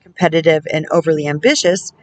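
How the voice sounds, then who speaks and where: A woman working as a spiritual counselor, reading oracle card texts aloud in a measured way and breaking off now and then to muse and comment to herself. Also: low-pitched, a little mellow, a little hiss or hum, low-quality recording. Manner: measured reading broken by musing, self-amused comments.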